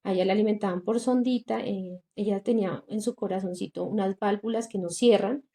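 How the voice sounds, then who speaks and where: A woman's voice: medium pitch, brisk, warm tone. A young woman, earnestly recounting a painful personal testimony on a podcast, acting out the voices of people she met. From Colombia. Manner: earnest, recounting with quoted dialogue and many fillers. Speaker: guest sharing testimony.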